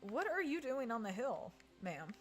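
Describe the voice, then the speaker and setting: A woman's voice: a little high, big pitch swings, a little slow, soft background music. A woman chatting casually on a live stream while playing, reading and answering chat and groaning at misses. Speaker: game streamer.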